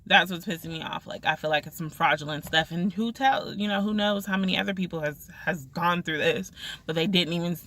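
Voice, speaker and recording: A woman's voice: on the low side, fairly quick, a little hiss or hum. A woman vlogger telling a frustrating restaurant story in casual chat, acting out what each person said. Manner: animated retelling, acts out quoted lines.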